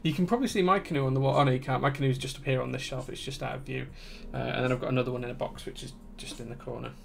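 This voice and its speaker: A man with a broad Yorkshire accent chatting casually as he hosts a livestream, relaxed and conversational. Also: mid-range voice, rapid-fire, gravelly, slight background noise. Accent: broad Yorkshire English. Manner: relaxed, conversational, reading out chat comments. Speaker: livestream host and keyboard builder.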